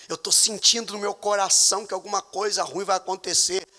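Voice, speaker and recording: A man with a Brazilian Portuguese accent preaching a sermon as pastor in a church, with emphatic, sudden loud high outbursts. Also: fairly even intonation, brisk, long reverb tail. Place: church hall.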